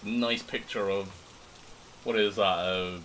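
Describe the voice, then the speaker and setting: A man doing live horror game commentary, chatting casually to viewers in an animated, excitable way with jokey asides. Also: fairly low pitch, slow, slight background noise, low-quality recording. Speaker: game streamer.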